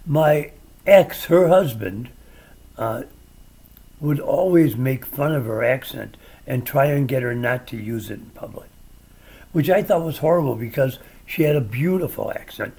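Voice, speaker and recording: Gravelly husky Midwestern man, older. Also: medium pitch, unhurried, darkish tone. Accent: American Midwestern. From American Midwest. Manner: storytelling, opinionated, wry. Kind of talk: casual chat.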